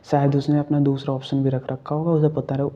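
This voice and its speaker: A man's voice: mid-range voice, level tone, a little fast, mellow, lo-fi sound, slight background noise, close to an everyday voice. A man voicing a frightened young male tailor who pleads and explains himself, in a spoken horror story. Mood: musing.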